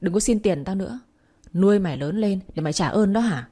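A woman's voice: mid-range voice, animated, brisk, mellow, slightly rough. A woman voicing a harsh scolding father. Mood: angry scolding. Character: stern angry middle-aged father.

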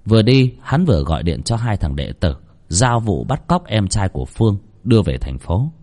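A man narrating a horror story in an expressive, suspenseful way. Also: fairly low pitch, moderate pace. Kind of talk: dramatic horror story reading.

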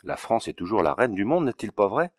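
Fiery young army colonel, as a male narrator reads him, declamatory, lowish voice, dry sound, storybook. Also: big pitch swings, fairly quick, dry recording. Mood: solemn. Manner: declamatory, emphatic.

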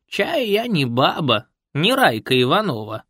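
A creaky, gruff old village man, as the male reader of an audiobook puts him on, blunt and folksy as he spins his tale. His voice rises and falls with lively swings, and the recording is close and dry. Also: on the high side, a little slow, no echo, voice pushed up, full character voice. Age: older. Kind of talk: audiobook character voice.

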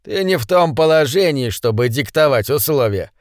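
A man's voice: on the high side, lively intonation, moderate pace, dry recording, studio quality, close to an everyday voice. A man reading an audiobook, voicing a hostile armed gang man who barks threats and orders. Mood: menacing.

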